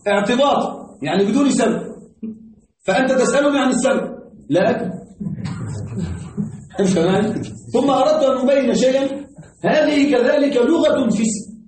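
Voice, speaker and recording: Lively male grammar teacher in echoey classroom. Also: extremely high pitch, moderate pace, long pauses. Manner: lively, quizzing students, teasing. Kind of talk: classroom lesson with questions to students. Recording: echoey classroom, far from mic, faint noise.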